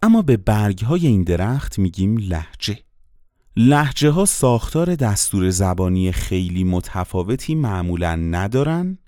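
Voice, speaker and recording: A man with a fairly low voice gives an explanatory lesson and rises and falls through a wide range. He teaches like a voice-acting coach and often stops to ask rhetorical questions. The recording is dry and close. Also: sing-song, mellow, no room sound. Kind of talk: explanatory lesson on dialects and accents.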